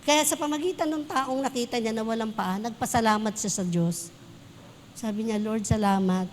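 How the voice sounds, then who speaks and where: A woman's voice: a little high, moderate pace, slight background noise. A Filipino woman preaching a church sermon, switching between Tagalog and English and telling personal stories. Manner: mixes Tagalog and English, tells anecdotes with laughs. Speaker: pastor. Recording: long hall reverb.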